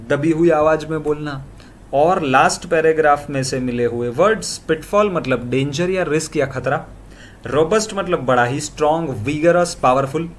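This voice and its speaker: Quick Hinglish vocab-teaching man. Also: on the high side, slight background noise. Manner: quick word-by-word synonym lists.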